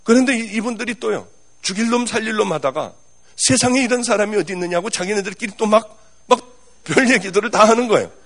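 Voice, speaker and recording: A man's voice: high-pitched, fast, a bit bright. A male pastor telling a personal story in a sermon, earnest and acting out remembered dialogue.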